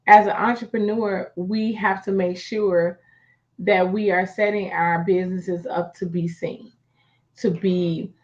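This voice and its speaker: A woman's voice: fairly low pitch, dull audio. A woman hosting a motivational talk. She speaks emphatically, repeats her points and talks to her listeners as y'all. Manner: emphatic and repetitive, conversational, addresses listeners as y'all.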